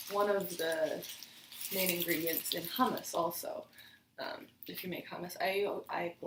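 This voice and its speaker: Woman vlogger, casual rambling chat while eating, roomy distant audio with faint hiss. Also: fairly low pitch. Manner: chatty, rambling with fillers between bites.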